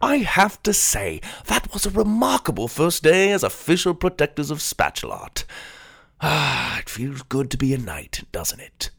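A man voicing an excitable young knight leader in a children's audio drama, who rallies his friends with shouted commands. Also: fairly high pitch, unhurried, creaky, breathy edge, heavily acted. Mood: proud.

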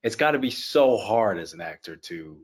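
A man's voice: fairly low pitch, sing-song, moderate pace, husky. A young man from Haiti, an actor guest, chatting casually on a video call, easygoing and repeating his phrases. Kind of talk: casual interview chat.

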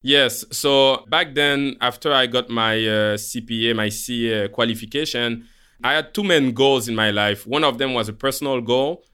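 This man is a podcast co-host and portfolio manager from Haiti whose native languages are Creole and French, and he speaks with a Haitian French accent. In a conversational interview he explains his career at a moderate pace, his medium-pitched voice smooth with a sharp tone.

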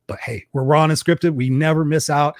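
A hoarse man fighting a cold hosts his live podcast, hammering his points home in a fast, energetic pep-talk style. His voice is on the high side and he talks at a rapid clip. The recording is close and dry, with no room around it.

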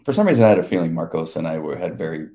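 A middle-aged man in casual faith talk, halting and emotional, laughing often as he shares. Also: deep voice, lively intonation, mellow.

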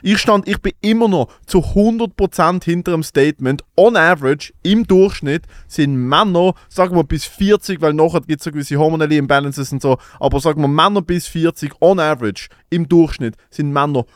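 A young man with a Swiss German accent, rambling through stories and laughing as he goes. His voice sits a bit high for a man. The sound is dry and close, with no room around it. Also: normal speed, hardly any pauses, no room sound. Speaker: podcast co-host. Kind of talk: casual chat.

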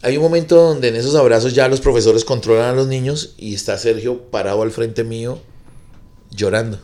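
A man's voice: medium pitch, fairly quick. A middle-aged man with a Colombian accent, a comedian guest telling a long story in a casual chat and acting out the people in it. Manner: animated storyteller who acts out the voices of the people in his stories.

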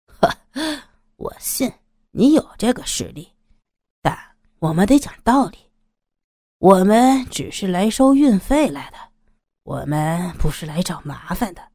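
A woman's voice: medium pitch, sing-song, unhurried, pauses often, a little mellow, no room sound, clean studio sound. Woman voicing a hot-tempered young thug. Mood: coldly reasoning. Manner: placating, then blustering. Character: hot-tempered young male gang underling, scarred.

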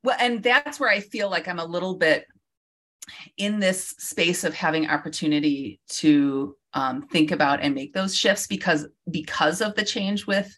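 A woman with a low-pitched voice speaks as a guest on a coaching podcast. She talks slowly through her thoughts, pausing often with fillers as she reflects on her work as a therapist. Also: fairly bright tone. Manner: reflective, hesitant, many fillers. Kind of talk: casual podcast conversation.

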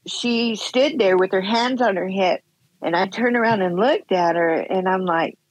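A woman's voice: mid-range voice, measured pace, no room sound. A middle-aged woman telling her own story as a podcast guest, blunt and candid, acting out what people said. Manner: blunt, retells scenes with quoted dialogue. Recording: dull lo-fi sound.

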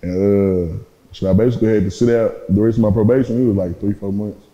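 A man with a deep, warm voice talks fast in a steady tone as a rapper guest in a casual interview, describing his life in a laid-back, slangy way. The recording sounds muffled and comes from an echoey room.

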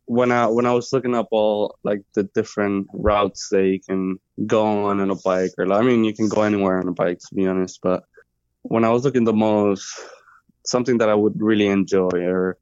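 A man's voice: fairly low pitch, steady tone, normal speed, a little mellow, smooth, dry recording, muffled recording. A man in his twenties from Colombia, a native Spanish speaker talking in English as a podcast guest. He talks hesitantly, with many fillers and restarts. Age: 20s. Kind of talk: interview conversation.

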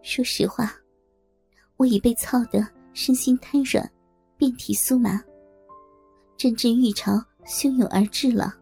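A woman tells a first-person story in a slightly high, mellow voice with a breathy haze. She sounds trembling and pleading, and soft music plays faintly underneath. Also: steady tone, a little slow, pauses often. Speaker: narrator.

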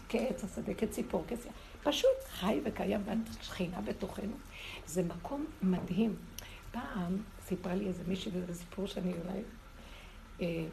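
A woman giving a spiritual morning class, telling stories and acting out quotes with sudden high jumps in her voice. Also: gravelly, a little mellow, a little hiss or hum. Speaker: spiritual teacher.

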